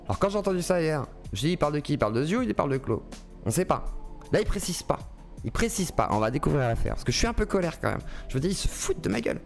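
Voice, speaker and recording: Animated, ranting man streamer. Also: fairly high pitch, racing, vocal fry, faint music behind. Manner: indignant, crude, jumps into mocking put-on voices. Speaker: streamer reacting to a video. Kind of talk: ranting live-stream commentary.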